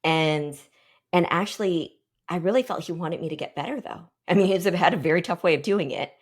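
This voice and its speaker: A woman in her forties with a low voice leads a team workshop, thinking aloud and pausing between ideas. She checks in with the group with questions as she goes. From Pacific Northwest, United States. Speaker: workshop guest speaker.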